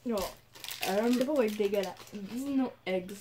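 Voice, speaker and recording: A woman's voice: mid-range voice, moderate pace, background noise. A woman with a Quebec French accent chatting casually in a candy taste-test vlog, her mouth full of candy as she talks in an offhand, giggly way. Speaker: vlogger.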